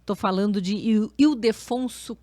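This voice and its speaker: A woman's voice: medium pitch, a little slow, warm tone, no echo. Chatty woman journalist hosting. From Curitiba, Brazil. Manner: chatty, recapping with fillers. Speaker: journalist and co-host. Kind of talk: casual history chat show.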